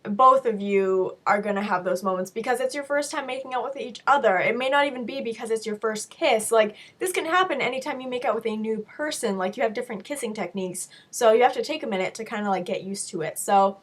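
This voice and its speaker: A young woman speaks in a fairly high voice that is touched by sickness. She chats informally to her viewers as she answers questions. Her delivery is frank and conversational, with playful asides. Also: quick pace, few pauses, fairly bright tone. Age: young adult. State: sick with a cold-affected voice. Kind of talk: casual chat to camera, Q&A.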